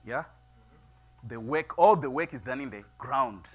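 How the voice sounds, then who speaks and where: A middle-aged man preaching a sermon in a small church, moving from quiet musing to loud, emphatic preaching. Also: mid-range voice, lively intonation, a little slow, slightly rough. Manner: builds from soft musing to loud preaching, gestures widely. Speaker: pastor. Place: small church sanctuary, seated before altar flowers.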